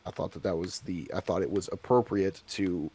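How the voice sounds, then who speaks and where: A man's voice: low voice, moderate pace, warm tone, slightly rough. A man in a casual podcast chat, rambling and acting out what others said to him. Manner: rambling, quotes others in put-on voices. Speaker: podcast guest.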